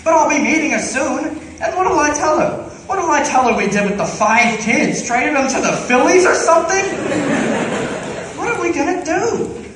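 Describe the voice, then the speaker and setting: A teenage girl playing a smooth-talking gambler fiancé, slangy and wheedling, on a school stage. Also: high-pitched, expressive, moderate pace. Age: teens. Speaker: student actor in school musical. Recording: echoey stage from far off, room noise.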